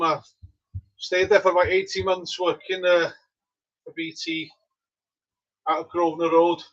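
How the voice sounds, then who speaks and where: A homebrewer from Wales streams his brewday live from his home brewery, chatting casually and answering viewers in a relaxed, easygoing way. He speaks with a Welsh accent and is a native Welsh speaker. His voice is a little high, and the highs are cut off.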